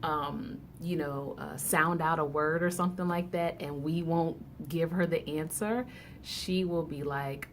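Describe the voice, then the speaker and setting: A mother hosts her own video blog from home, chatting casually to the camera in a slangy way and laughing often. Her voice is low-pitched, with slight background noise in the room.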